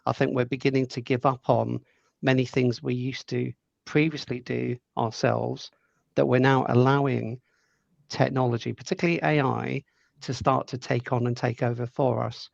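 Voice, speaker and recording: A middle-aged man talks through his views in a measured, thoughtful way, often doubling back on words as he thinks. His voice has a gravelly edge. The sound is dry and a little dull, with no room around it. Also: medium pitch, level tone, dry recording. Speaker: podcast guest. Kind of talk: conversational interview answers.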